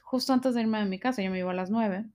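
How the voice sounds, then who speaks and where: A woman's voice: medium pitch, fast talker, a little mellow. A woman with a Mexican Spanish accent tells a personal story with emotion, full of fillers and tag questions.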